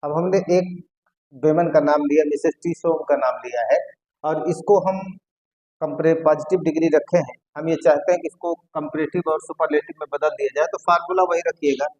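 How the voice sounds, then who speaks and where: A man teaching an English grammar lesson, often repeating key words slowly as he writes them on the board. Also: a little high, fairly even intonation, darkish tone, rough recording.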